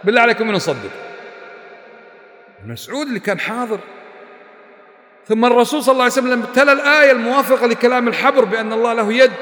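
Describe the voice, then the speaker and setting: A man's voice: extremely high pitch, animated, rapid-fire, pauses often, pushed and bright. A man giving a religious lesson to a class, quizzing his listeners with emphatic rhetorical questions. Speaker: religious teacher. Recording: echoey hall reverb.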